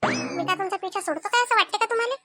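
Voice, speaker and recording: Cartoon: very high, rapid-fire nagging village wife, a woman voicing her, Vidarbha Marathi accent, sarcastic. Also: sing-song, over music. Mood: quarrelsome. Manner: scolding, sarcastic. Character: sharp-tongued quarrelsome village wife. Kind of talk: cartoon family comedy.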